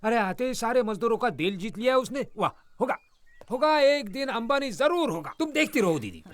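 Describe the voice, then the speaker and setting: An actor playing a loud, stingy middle-aged man in a comic family drama. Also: very high voice, expressive, a little fast, no room sound. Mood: doting. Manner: blustering, over-the-top. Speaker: miserly uncle. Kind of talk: comic film acting. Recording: film score under the voice.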